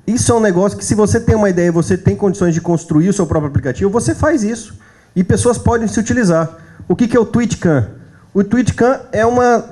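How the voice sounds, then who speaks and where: A man with a Brazilian accent lectures at a church workshop in a fairly high, mellow voice. He keeps it conversational, turning to the audience with quick questions as he goes. The talk is given live before a gathered crowd. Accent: Brazilian Portuguese. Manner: conversational, checks in with the audience often. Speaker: workshop speaker.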